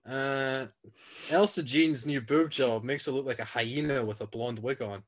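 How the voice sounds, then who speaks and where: Deadpan joking podcast man. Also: mid-range voice, a little slow. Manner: deadpan mock-critic riffing. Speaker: podcast co-host. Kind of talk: casual comedic chat.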